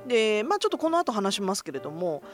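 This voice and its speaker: A woman's voice: mid-range voice, sing-song, fast, soft background music. A middle-aged woman hosting a casual solo radio-style talk, self-deprecating and joking, mixing polite forms with slang. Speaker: host of a solo voice blog.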